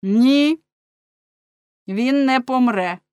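A woman reading an audiobook voices a stern male judge who declaims loudly. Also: sits high, very slow, clean tone, dry recording, studio quality, voice pushed up. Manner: loud, declaiming verdict.

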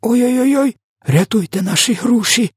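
A man voicing a huge, kindly old male giant in a storybook reading, mangling his words and lurching between hushed whispers and shrill wails. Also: a little slow, husky, no room sound, studio quality, heavily acted. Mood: wailing. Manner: garbled grammar and made-up words, swings from hushed whisper to shrill wailing. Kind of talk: audiobook character voice.

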